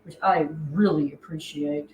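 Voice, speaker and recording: A middle-aged woman hosts a livestream in an easy, chatty way, often breaking into giggles as she greets viewers. Her voice sits a little low and sounds a bit roomy, with faint noise in the background. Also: fairly even intonation, measured pace, darkish tone. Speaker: host. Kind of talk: casual livestream chat. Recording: echoey room, faint noise.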